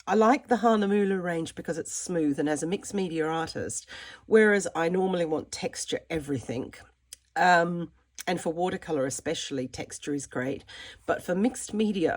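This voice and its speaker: A middle-aged woman with a croaky voice from a cold, chatting casually and a little ramblingly as she talks through her art. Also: deep voice, darkish tone. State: has a cold. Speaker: art vlogger, mixed media artist. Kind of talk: casual chatty sketchbook walkthrough.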